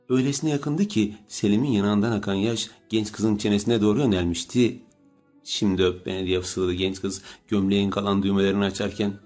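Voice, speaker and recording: A man reads an audiobook in a steady, measured voice. His tone sits low. Soft music runs faintly underneath. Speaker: audiobook narrator. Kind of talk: scripted narration.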